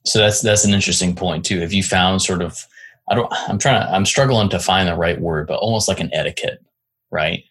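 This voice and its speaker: Husky low-voiced man hosting an interview. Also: brisk, fairly bright tone. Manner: rambling, many restarts and "right?" tags. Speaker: podcast host. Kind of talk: conversational interview.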